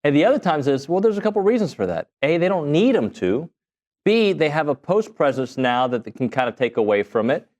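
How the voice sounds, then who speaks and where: Lively-voiced male sports radio host. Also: a little high, fairly quick. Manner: conversational, thinks aloud with restarts. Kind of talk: casual sports talk.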